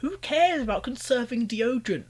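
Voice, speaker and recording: A man's voice: very high voice, expressive, normal speed. A young British man giving exasperated, ranting reaction commentary, pleading with the people on screen. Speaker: commentary YouTuber.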